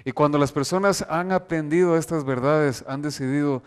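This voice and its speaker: A man preaching an earnest sermon, reading scripture aloud from slides and slowing down to stress key verses. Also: fairly high pitch, clean tone.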